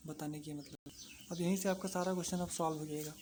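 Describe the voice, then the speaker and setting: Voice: medium pitch, fairly even intonation, quick pace, a little mellow, slight background noise. A maths teacher explaining a lesson to exam students, repeating each point and asking and answering their own questions.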